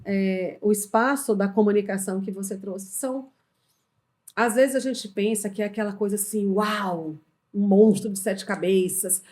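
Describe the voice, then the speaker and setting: A middle-aged woman with a Brazilian accent telling a workplace story on a podcast, acting out the dialogue. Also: mid-range voice. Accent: Brazilian Portuguese. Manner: animated storyteller, acts out quoted dialogue. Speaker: HR consultant, podcast guest. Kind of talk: casual storytelling in a podcast conversation.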